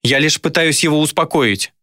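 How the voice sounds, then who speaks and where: A grieving female demon as voiced by a man in a dark fantasy audiobook. Her voice is lifted well above the reader's own and sounds dry and close. She pleads in desperation, fierce yet tender. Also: mid-range voice, moderate pace, breathy edge, dry recording, voice pushed up. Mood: pleading.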